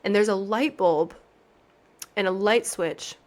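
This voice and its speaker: Speaking slowly at a medium pitch, this woman in her thirties is a pageant coach chatting casually on her podcast. She sounds earnest and motivational, stressing many of her words.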